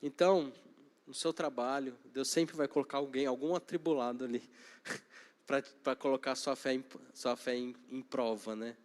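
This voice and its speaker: A man's voice: mid-range voice, fairly even intonation, normal speed. A man with a Brazilian accent leading a Bible study in a church, talking conversationally and joking lightly. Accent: Brazilian Portuguese. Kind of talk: informal Bible teaching. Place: church hall.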